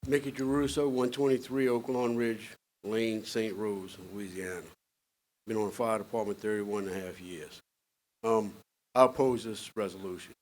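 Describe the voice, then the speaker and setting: A man in his fifties with a lowish voice speaks plainly and bluntly as a firefighter addressing a council. The sound is an official meeting-room recording taken from a podium microphone, much like a courtroom record. A faint hum of the chamber sits underneath. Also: fairly even intonation, normal speed. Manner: blunt, plain-spoken objection. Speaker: firefighter speaking in public comment. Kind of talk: public comment at a council meeting.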